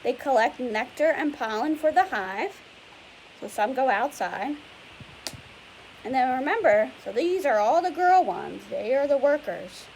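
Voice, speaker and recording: Her voice sits high and sounds a little mellow as she reads a picture book to young children, expressive and unhurried. Patient explanations in plain words alternate with questions for the listener. The recording is rough, carrying clear hiss and background noise.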